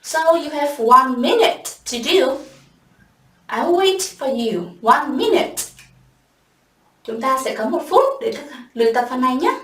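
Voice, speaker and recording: A woman English teacher giving a bilingual classroom vocabulary lesson, saying words slowly and clearly for pupils to repeat. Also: high voice, animated, a bit bright, far from the mic. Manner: slow drawn-out repetition of words for pupils to copy. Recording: echoey room, voice from afar.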